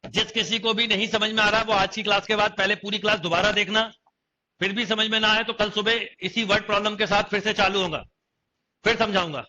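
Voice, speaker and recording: A young man lectures a maths class in a high, very bright voice, constantly checking that the students follow. The recording is dull and lo-fi, like a streamed coaching session. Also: fairly even intonation, a little fast, slight background noise. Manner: questioning students, repeating phrases. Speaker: maths teacher.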